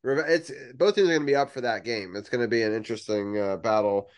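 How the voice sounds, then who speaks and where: A man's voice: lowish voice, quick pace, smooth. A man hosting a casual sports podcast, rambling with many fillers as he steers the talk. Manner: rambling, lots of "you know".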